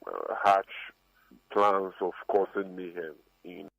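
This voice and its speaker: A man, a party spokesman speaking in a measured, emphatic way, heard through a distorted, fuzzy phone line. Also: deep voice, steady tone, vocal fry, a bit bright, no room sound. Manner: measured, emphatic denial with pauses. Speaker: party communications officer.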